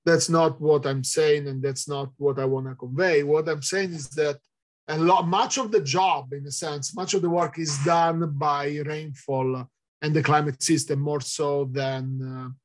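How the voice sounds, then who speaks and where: Speaking unhurriedly in a steady, slightly high voice, a middle-aged man from Italy fields audience questions during an online talk. He has an Italian accent and is hesitant, filling gaps often, heard via video call from indoors against a virtual background.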